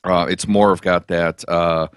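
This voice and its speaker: A man's voice: deep voice, level tone, unhurried, smooth, no echo, studio quality. A man in his thirties co-hosting a casual podcast, rambling in an easygoing way and making self-deprecating jokes. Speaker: podcast co-host reviewing beer. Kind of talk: casual chat.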